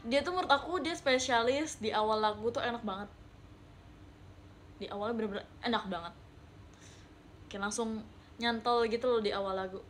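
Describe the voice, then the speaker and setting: A woman's voice: on the high side, normal speed, long pauses, slight background noise. A young woman streaming live, chatting playfully with viewers and reading their messages, with English words mixed into her talk. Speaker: livestreamer reading viewer chat. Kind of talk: casual live-stream chat.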